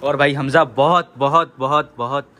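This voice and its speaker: A young man vlogging at home during a family celebration, teasing and exclaiming loudly. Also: medium pitch, measured pace, a little hiss or hum. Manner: excited, teasing, loud exclamations. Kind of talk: casual chat.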